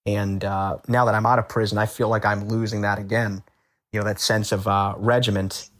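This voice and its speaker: A man from the Boston area sits as an interview guest and tells his story in a loose, unhurried way. His voice sits fairly low, and he keeps stopping for little fillers and restarts as he talks. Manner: relaxed, rambling, many uh fillers and restarts. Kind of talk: casual storytelling.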